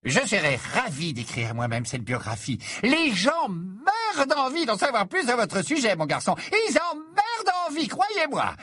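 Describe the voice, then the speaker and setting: A gushing, fawning male writer who flatters and sells in a lively, rising voice that leaps about, as a reader puts him on. The tone is a little husky, recorded dry and close. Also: a little high, dry recording, voice pushed up, exaggerated voice. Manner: effusive, flattering, salesy.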